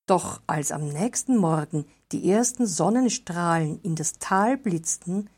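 Woman, storyteller, fairy tale read aloud, calm, measured, slow, mid pitch.

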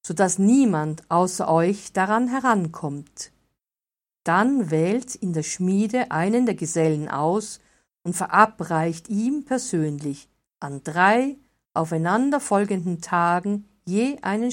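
A woman voicing a proud, self-assured male druid in a storybook reading, with firm, measured, formal speech. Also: mid-range voice.

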